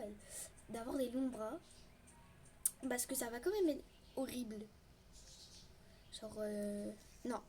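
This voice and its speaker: A woman's voice: fairly high pitch, a little mellow. Chatty young French-speaking gamer woman. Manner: chatty, rambling, self-mocking. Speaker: gaming youtuber. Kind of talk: casual gameplay commentary.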